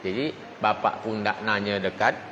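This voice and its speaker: A man with a fairly low voice chats casually to a gathered audience. The recording is dull and lo-fi, with steady background noise clearly audible. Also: moderate pace. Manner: casual, chatty, laughs easily.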